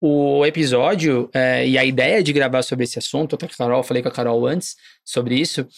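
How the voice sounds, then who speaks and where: A podcast host who talks quickly and playfully, joking with the guest and co-host. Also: medium pitch, fairly even intonation, gravelly, no echo. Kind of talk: casual podcast interview.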